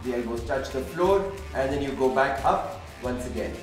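A man's voice: mid-range voice, expressive, moderate pace, reverberant, faint music behind. A young man leading a home workout as a fitness trainer, explaining each move and counting reps aloud to keep everyone going. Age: young adult. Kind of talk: workout instruction. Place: home gym room, indoors.

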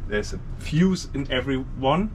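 A man's voice: mid-range voice, lively intonation, normal speed, a little hiss or hum. A man in his fifties, a boat owner, giving technical explanations in an interview from a cramped engine hatch. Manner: technical, explains while pointing at equipment. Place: cramped engine hatch of a moored catamaran, outdoors.

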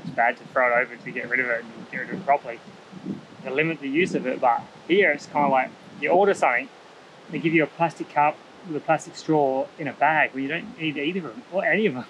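A man's voice: mid-range voice, quick pace, a bit bright, lo-fi sound. Laid-back Australian man outdoors, windy. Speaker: travel vlogger. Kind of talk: casual chat. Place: outdoors on a tropical beach. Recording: wind and outdoor noise.

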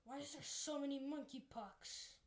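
A woman's voice: high-pitched, moderate pace, natural voice. A woman voicing an angry, bossy male mad-scientist villain in a fan-made puppet cartoon. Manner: bossy, shouting.

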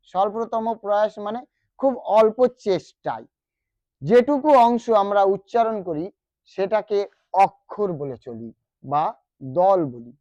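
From West Bengal, India, a teacher takes students through a grammar lesson very unhurriedly, repeating key terms and asking the class questions. Her mid-pitched voice is a little mellow, captured in a dry, close recording with no echo.

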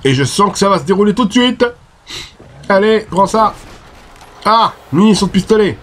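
A man with a French accent commenting on his own gameplay, excitable, swearing and shouting at the enemies. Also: sits high, normal speed. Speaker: gaming video host.

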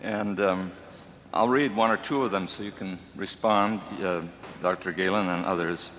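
A man's voice: sits low, steady tone, normal speed, fairly bright tone. A man moderating a conference Q&A, reading audience questions hesitantly with many fillers. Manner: hesitant, frequent um and uh. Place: lecture hall. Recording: echoey hall with faint noise.

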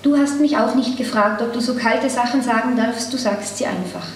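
A woman's voice: fairly high pitch, moderate pace, a little hiss or hum, lightly acted. A woman reading a blunt, volatile young woman. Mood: flat. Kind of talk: literary reading. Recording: echoey hall, distant mic.

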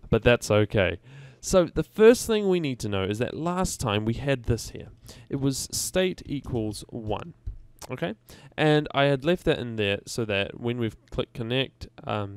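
A man's voice: mid-range voice, vocal fry, a little mellow, clear, resonant tone, no room sound. A man hosting a casual game-coding tutorial, chatty and rambling, who often stops to correct himself. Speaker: game development tutorial host.

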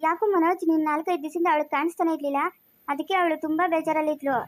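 A young woman playing a blunt, practical student friend who talks in a brisk, scolding way in a family skit. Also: high-pitched, steady tone, natural voice. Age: young adult. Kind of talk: amateur family skit acting.

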